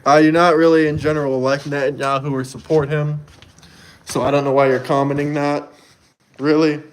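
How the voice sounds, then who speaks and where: A young man from Florida, USA, hosts a casual livestream from indoors in Montenegro, chatting loosely, answering viewer comments and often repeating himself. His voice is a little high with little pitch movement, at normal speed, and there's slight background noise.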